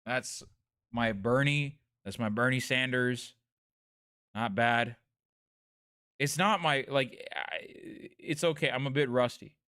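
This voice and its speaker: A man's voice: medium pitch, slow pace, pushed and bright, smooth, dry recording, studio quality. Casual, self-deprecating male streamer. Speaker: livestream host covering news. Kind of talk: casual late-night livestream chat.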